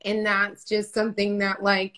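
A woman's voice: mid-range voice, completely flat delivery, normal speed, a bit bright. A woman hosting an interview, chatty and playful, acting out little quotes, over a video call. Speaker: host. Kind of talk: casual interview chat.

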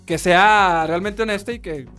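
A man with a northern Mexican accent, co-hosting a podcast in casual chat, talking loud and forceful. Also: sits high, normal speed, soft background music. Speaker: podcast co-host.

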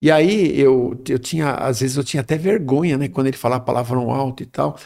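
A man's voice: medium pitch, a little fast, vocal fry, darkish tone. A middle-aged man telling a personal story in a rambling, casual way, often tagging his sentences with a questioning "right?". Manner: rambling, tags phrases with "né?".

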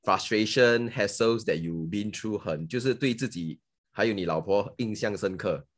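A man's voice: on the low side, moderate pace. A Singaporean man hosting a casual interview podcast in Singlish, switching freely between English and Mandarin. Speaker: podcast host.

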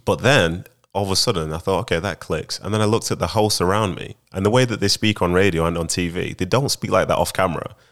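A man's voice: low voice, fast, hardly any pauses, a bit bright. A young man, a retired footballer now in broadcasting, answering interview questions in a laid-back, rambling way.

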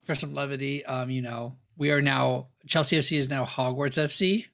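A man's voice: mid-range voice, steady tone, moderate pace, gravelly, fairly bright tone. A man co-hosting a casual podcast chat, with dry, wry remarks. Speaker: podcast co-host.

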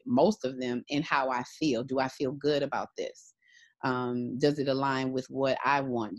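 A woman's voice: very deep voice, no room sound. Reflective woman guest, dry close sound. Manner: reflective, rambling with frequent fillers. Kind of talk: casual conversation.

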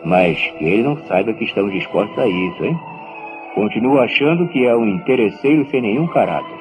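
An actor with a Brazilian accent playing a stern, protective and persuasive brother in a radio soap opera, speaking with theatrical emphasis. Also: male voice, on the low side, lively intonation, a little fast, natural voice, low-quality recording. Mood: calculating, persuasive. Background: music.

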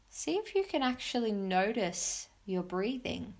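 Speaking in a mid-range, darkish voice, a woman leads a guided meditation on her mindfulness podcast. Her instructions are calm and unhurried, broken by pauses, and phrased in simple, encouraging words.

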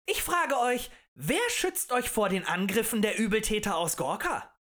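A man voicing a fiery male demagogue who rants and shouts at a tavern crowd in an audiobook. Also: high voice, big pitch swings, moderate pace, pitched above the performer's own voice. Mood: ranting. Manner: ranting, shouting, rhetorical and accusing.

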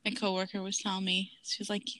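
A woman's voice: medium pitch, completely flat delivery, fast talker, bright, forceful tone, dry recording. A woman in her thirties co-hosting a casual rewatch podcast, chatty and laughing, acting out quotes. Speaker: podcast co-host.

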